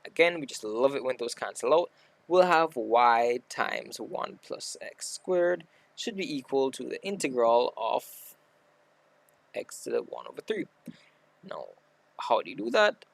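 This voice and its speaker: Male maths tutor, mid pitch, gravelly, dry room, casual step-by-step explainer. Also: big pitch swings, unhurried, no echo. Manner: talks through steps aloud, self-correcting. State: hiccuping. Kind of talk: casual worked-example lesson.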